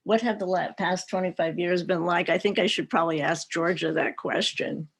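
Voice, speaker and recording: A woman's voice: fairly low pitch, fairly even intonation, moderate pace, breathy edge. Middle-aged woman, panelist on a video call, reflective storyteller with easy light laughter. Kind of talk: personal talk at an online panel.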